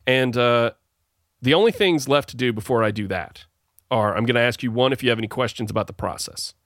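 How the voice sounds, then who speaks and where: A man's voice: mid-range voice, a little fast, a bit bright, no room sound, studio quality. A man hosting a show over a video call, talking in a rambling, playful way and often correcting himself. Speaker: podcast host. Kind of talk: casual songwriting chat.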